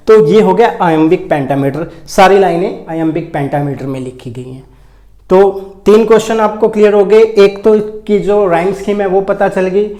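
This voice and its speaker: A man's voice: high-pitched, darkish tone, roomy sound. A man, giving a step-by-step exam-prep lecture on poetry. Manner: explains step by step, says "ठीक है" often. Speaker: English literature teacher.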